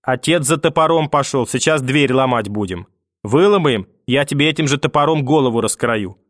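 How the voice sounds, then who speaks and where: A man's voice: medium pitch, normal speed, dry recording, clean studio sound, natural voice. A man voicing a furious old grandmother who spits curses and threats in a raised, strained voice. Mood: threatening. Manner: venomous, screaming curses. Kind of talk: audiobook character voice.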